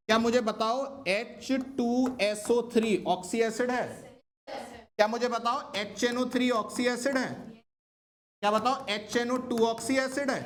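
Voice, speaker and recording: Chatty chemistry teacher quizzing students. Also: male voice, high voice. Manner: questioning, coaxing students to answer. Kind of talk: classroom lecture.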